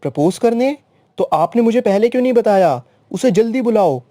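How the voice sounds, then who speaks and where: Man voicing an indignant young landowner's daughter, argumentative, mellow, slightly raised pitch. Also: animated, a little fast, dry recording, lightly acted. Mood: eager. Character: young woman, quick-tempered, proud landowner's daughter.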